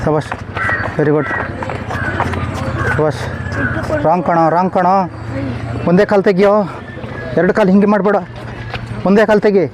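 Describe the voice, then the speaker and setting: A man's voice: sits high, moderate pace, pauses often, music in the background. A man coaching a children's boxing class, counting reps aloud, barking commands and praising or scolding the kids bluntly. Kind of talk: live training class. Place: outdoor training ground. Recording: noisy outdoor recording.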